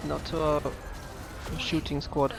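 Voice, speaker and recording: A man's voice: a little high, completely flat delivery, takes it slowly, vocal fry, very noisy. A man chatting casually and joking with a friend while playing a game. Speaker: gamer. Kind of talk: casual chat while gaming.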